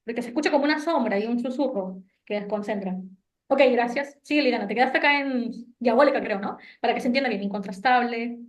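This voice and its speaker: A woman teacher guiding an online class reading, giving brisk, polite corrections and prompts. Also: a little high, roomy sound, recorded from a distance. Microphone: video call.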